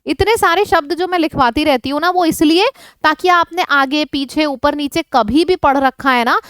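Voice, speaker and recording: Indian woman, high pitched, vocabulary tutor for exam prep, mixes Hindi and English, dry close recording. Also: normal speed, dry recording. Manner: lively, asks the class questions and repeats synonyms in lists; switches between Hindi and English. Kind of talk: online class explaining English words in Hindi.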